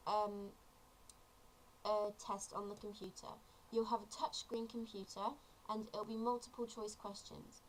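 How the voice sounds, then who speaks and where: A woman's voice: a little high, fairly bright tone, a little hiss or hum, low-quality recording. A seventeen-year-old woman, chatty and earnest, explaining a topic in a casual tutorial vlog. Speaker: vlogger.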